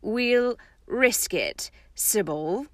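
A woman reading aloud and voicing a brisk older woman professor who speaks tartly, dryly and impatiently. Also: mid-range voice, sing-song, fairly bright tone, no echo. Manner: tart, dry, impatient. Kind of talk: storybook reading.

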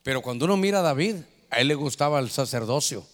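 A man, a pastor preaching a sermon, telling a story and acting out the voices and shouts of others. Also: mid-range voice, lively intonation, fast. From Guatemala. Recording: echoey hall reverb.

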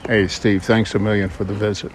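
A man's voice: lowish voice, flat delivery, fairly quick. A man from Southern Illinois with a drawl of that region, casually interviewing campers at a campground and asking joking questions. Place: campground outdoors.

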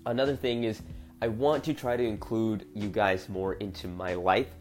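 A young man with a low-pitched voice that sounds stuffed up and nasal, as if his nose is blocked. He hosts a podcast alone in an informal, earnest, chatty way. Music plays along with his voice. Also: steady tone, normal speed, darkish tone. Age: young adult. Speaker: podcast host. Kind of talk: casual solo podcast chat.

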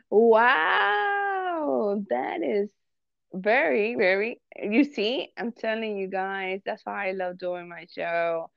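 A woman hosting a podcast from her living room, chatty and quick to laugh as she talks over her guest. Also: fairly high pitch, creaky, dry recording, muffled recording. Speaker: podcast host. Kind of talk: casual interview chat.

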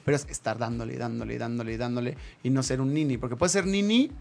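A man with a Mexican accent, a guest telling stories in casual radio chat, animated and repeating himself for emphasis. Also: mid-range voice, quick pace, vocal fry. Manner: animated, repetitive, storytelling.

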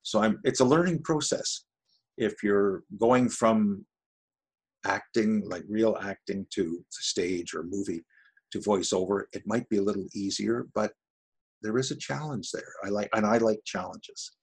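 Retired man in his sixties, low husky gravel, loose and rambling, interview guest. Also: a little slow, darkish tone. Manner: rambling, self-deprecating, with frequent restarts. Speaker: voice-over artist guest. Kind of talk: casual interview chat.

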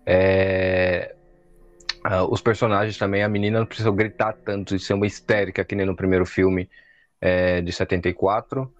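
A man's voice: sits low, flat delivery, moderate pace, muffled recording. A man co-hosting a casual movie review podcast, speaking hesitantly and searching for words. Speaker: podcast co-host.

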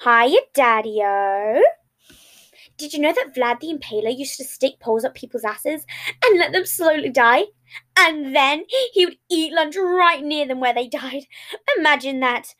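Girl doing a gleeful chaotic guy, gory jokes tumbling out, high bright voice. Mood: manic. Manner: blurts rapid gory jokes, stumbling. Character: manic gleeful young man, morbid and chaotic. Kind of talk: fan fiction read aloud.

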